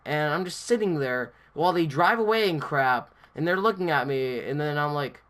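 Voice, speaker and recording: A man's voice: a little high, expressive, moderate pace, a bit bright. A young man vlogging, telling a story in a rambling, casual way with lots of filler words.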